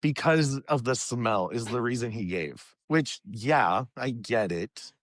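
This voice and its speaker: A man's voice: medium pitch, slow pace, dry recording, clean studio sound. A man co-hosting a podcast in casual chat, laid-back and laughing often. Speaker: podcast co-host.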